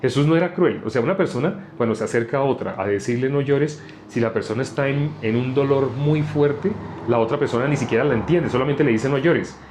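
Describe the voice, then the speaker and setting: A man, preaching a relaxed Bible lesson. He talks the way you'd chat with friends and keeps checking in with his listeners. His voice sits at an ordinary middle pitch. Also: a little fast, hardly any pauses, slight background noise. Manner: conversational, asks the listeners questions. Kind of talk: informal sermon on a live stream.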